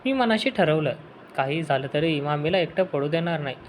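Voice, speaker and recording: A man narrating a story in the first person as a steady, earnest audiobook reader. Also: fairly high pitch, normal speed, a little hiss or hum, low-quality recording.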